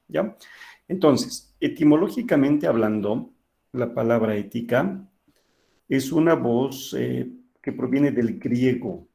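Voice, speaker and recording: A man teaching an online class, his voice deeply gravelly and dark. He explains slowly and patiently, pausing often to check that his students are following. He speaks into a computer mic while drawing on screen.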